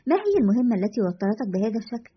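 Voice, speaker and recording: A woman's voice: medium pitch, racing, breathy edge, natural voice. A woman voicing a sarcastic, nosy male TV show host with a dismissive manner, in a dull lo-fi recording.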